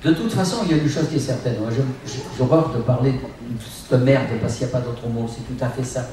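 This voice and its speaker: A man's voice: medium pitch, quick pace, background noise. A man in his sixties, a veteran singer, talking bluntly and outspokenly on a convention panel. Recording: echoey hall, distant mic.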